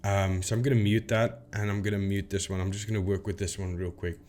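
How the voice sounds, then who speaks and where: A fast-talking man with a lowish, slightly mellow voice and flat delivery hosts a video debunking the paranormal. Walking through a screen demonstration, he explains emphatically and repeats phrases to drive points home.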